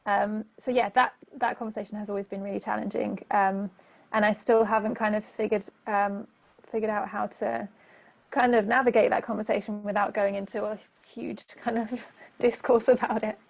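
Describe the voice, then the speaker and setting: Woman from England, panel guest, flat delivery with a gravelly edge. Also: mid-range voice, normal speed. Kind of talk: online panel discussion. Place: home, online video call.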